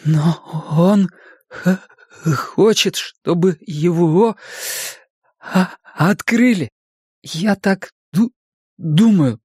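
A man voicing a quiet, grieving boy with a heavy stutter, speaking slowly and haltingly in an audiobook. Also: sits high, husky, no echo, studio quality, voice pushed up, heavily acted. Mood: hushed. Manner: stammering, halting, slow. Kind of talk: audiobook character voice.

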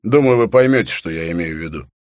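A man's voice: deep voice, animated, fast talker, darkish tone, dry recording, studio quality. A man voicing a prison guard who speaks in a firm, matter-of-fact way. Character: brisk, loud prison guard.

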